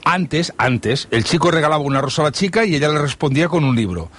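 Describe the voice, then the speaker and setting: A man's voice: fairly high pitch, animated, fast talker, fairly bright tone, husky. A man hosting a book interview in a courteous, formal way. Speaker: interviewer and host.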